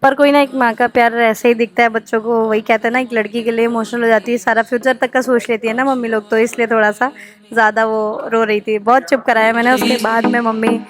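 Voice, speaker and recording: Young woman vlogger, fairly high voice, heartfelt chatty narration, background music loud under her. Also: little pitch movement, fast, low-quality recording. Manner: heartfelt, chatty, mixes English words into Hindi. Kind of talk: casual vlog narration.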